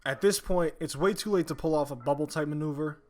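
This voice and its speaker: Higher-voiced man, sore after wisdom teeth removal. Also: fairly quick, a little mellow. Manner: blunt, slangy, swearing. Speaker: YouTube sports commentator. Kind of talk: casual opinion commentary.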